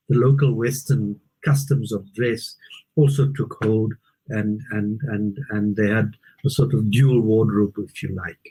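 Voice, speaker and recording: A man explaining things as an interview guest, haltingly and deliberately, often repeating words, in a husky voice. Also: lowish voice, warm tone, poor audio.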